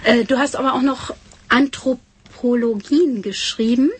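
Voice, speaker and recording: A woman hosts an interview in a studio, introducing her guest and gently prompting her with questions. Her voice sits fairly high and has a breathy, husky edge. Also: steady tone, measured pace. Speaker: radio interviewer.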